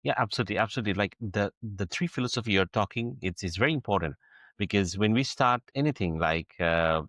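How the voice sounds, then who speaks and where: A man's voice: lowish voice, fast talker, fairly bright tone, dry recording. A man co-hosting a podcast, speaking earnestly with many repeated words and restarts. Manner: earnest, with frequent repetitions and restarts. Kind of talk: conversational interview.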